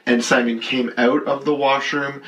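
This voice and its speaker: Young man, casual podcast co-host, lively storyteller, medium-pitched voice. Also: moderate pace, low-quality recording. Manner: animated storyteller, acts out quotes with a laugh. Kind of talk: casual chat.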